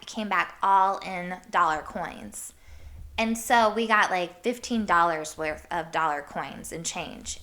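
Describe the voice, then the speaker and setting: Hyper, bright-voiced woman podcaster. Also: medium pitch. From Iowa. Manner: hyper and animated, swears casually. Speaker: podcast host. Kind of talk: casual storytelling monologue.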